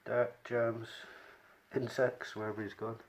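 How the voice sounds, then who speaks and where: A man's voice: medium pitch, little pitch movement, measured pace. A man chats casually as he explains his cleaning work, his voice muffled by a dust mask over his mouth. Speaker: rug cleaner presenting his own work. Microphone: speaking through a dust mask. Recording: clear background noise.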